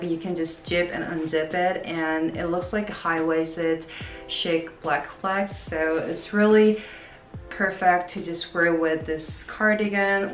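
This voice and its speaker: A woman, chatting casually to camera about clothes she bought, full of "like" fillers. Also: on the low side. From South Korea. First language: Korean. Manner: chatty, many "like" fillers, upbeat. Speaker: fashion vlogger. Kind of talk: casual try-on haul talk to camera. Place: plain indoor room by a wall. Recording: echoey room with music bed.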